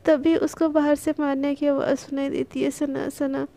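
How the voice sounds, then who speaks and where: A woman's voice: high voice, little pitch movement, normal speed, dark tone. A woman storyteller narrating a love story in a chatty way, talking straight to her listeners. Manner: chatty, addresses listeners directly.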